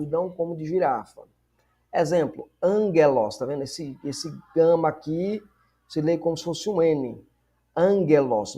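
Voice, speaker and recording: A man with a Brazilian Portuguese accent teaching a Greek reading lesson, repeating each word slowly and explaining its pronunciation. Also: on the high side, creaky, mellow, husky.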